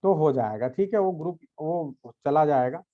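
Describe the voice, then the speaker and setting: A man's voice: a little high, animated, moderate pace, phone-quality sound. A man teaching English grammar to his students, explaining patiently, checking understanding often and addressing them directly. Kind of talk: explanatory lecture to a class.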